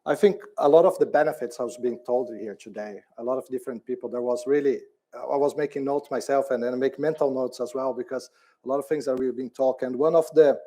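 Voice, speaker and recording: A middle-aged man from Brazil speaks on a conference panel in a mellow, soft-edged voice. He talks haltingly, often restarting and repeating words, and laughs easily. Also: medium pitch, fairly even intonation. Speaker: department head on a panel.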